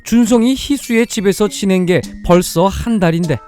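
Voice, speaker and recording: This narrator, whose medium-pitched, darkish voice keeps an ordinary speed, performs a scripted reading of a dramatic sci-fi story. Background music runs under the narration throughout.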